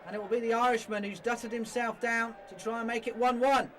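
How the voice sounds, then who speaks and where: A man commentating football match highlights, rising to excited shouts at the goals. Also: a little fast, recorded from a distance. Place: football stadium commentary position. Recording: broadcast with loud crowd noise. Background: loud stadium crowd.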